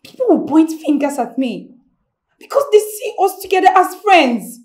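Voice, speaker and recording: A woman's voice: high voice, very animated, moderate pace, a little mellow. An actress with a Nigerian accent playing a defiant young woman who confronts the person she works for. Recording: roomy echo.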